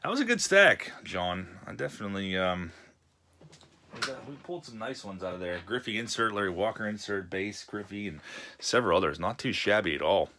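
A man's voice: on the low side, lively intonation, brisk, pushed and bright. A man, casually chatting with a live-stream chat while opening card packs at a home desk. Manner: chatty, reads chat messages aloud with laughs.

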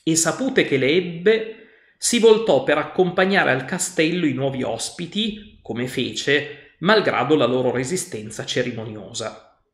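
A man's voice: a little high, lively intonation, unhurried, fairly bright tone. Man reading a novel aloud in an echoey room. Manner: explanatory, glossing old words. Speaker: teacher. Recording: roomy echo.

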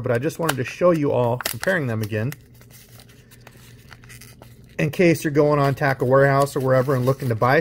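On his own fishing channel, a man with a medium-pitched voice does a casual unboxing, comparing lures and chatting about the gear as he handles it. There's slight background noise.

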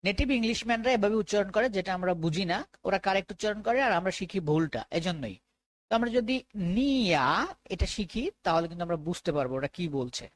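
A woman with a Bangladeshi accent teaching a phonics lesson, slowly repeating each sound and correcting common mistakes. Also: medium pitch. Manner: slow drilled repetition of sounds.

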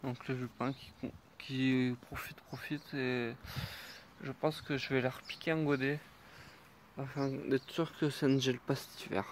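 A man giving a casual tour of his vegetable garden, talking in an unhurried, hesitant way with many fillers. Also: medium pitch, level tone, slight background noise.

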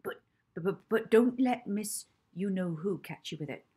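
A woman's voice: mid-range voice, lively intonation, normal speed, warm tone, breathy edge. A woman voicing a kind, elderly female caretaker who stutters and fusses affectionately, reading aloud from a storybook. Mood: fretful, fond.

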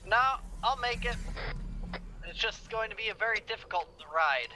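High-voiced sweary man on noisy game chat. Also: expressive, normal speed. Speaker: teammate in a co-op shooter. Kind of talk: casual in-game team chat.

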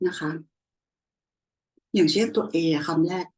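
Slow, breathy young woman tutor. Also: on the low side, darkish tone, poor audio. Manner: slow, explanatory, frequent checking questions. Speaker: language tutor. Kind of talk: screen-share tutorial.

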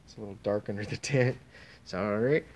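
In a fairly low, darkish voice, a man talks briskly while filming on his phone, some hiss or hum audible. He tours a warehouse and tent, naming auction items in an offhand, casual way, his phrases trailing off partway.

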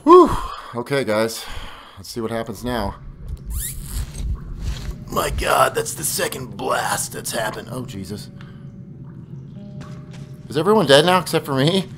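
Animated man playing and commenting on games. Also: mid-range voice, unhurried, pauses often. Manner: profane, exclamatory, talks to game characters. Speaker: gaming let's player. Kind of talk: casual gameplay commentary. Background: video game music and sound effects.

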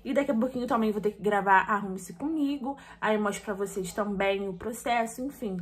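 A woman's voice: mid-range voice, brisk. A Brazilian woman in her twenties chatting casually to viewers in a vlog, her speech slightly lisped from wearing a removable retainer. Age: 20s. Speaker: vlogger. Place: small bedroom and tiled kitchen indoors. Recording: clear background room noise.

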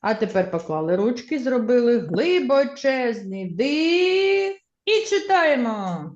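A woman's voice: a little high, sing-song, slow pace, a crowd in the background. A woman teacher leading a primary school reading lesson, encouraging the children and having them repeat words after her. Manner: encouraging, leads class in choral repetition. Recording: echoey classroom, slightly dull sound.

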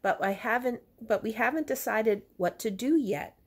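A woman's voice: a little high, expressive, moderate pace, slightly rough, voice pushed up. A woman reading an anxious schoolgirl. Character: schoolgirl, anxious dog owner.

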